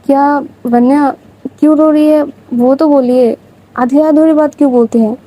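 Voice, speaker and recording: A woman voicing a short-tempered young woman boss who talks in a quick, scolding way. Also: sits high, fairly even intonation, warm tone, close to an everyday voice, rough recording. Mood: impatient. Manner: scolding, rapid and impatient.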